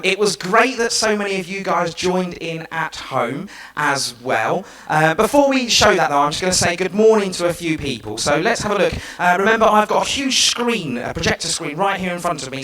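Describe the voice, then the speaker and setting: A man's voice: sits high, lively intonation, brisk, hardly any pauses, fairly bright tone, reverberant, poor audio. A man presenting a live online children's show in an upbeat, gushing way, repeating words for emphasis.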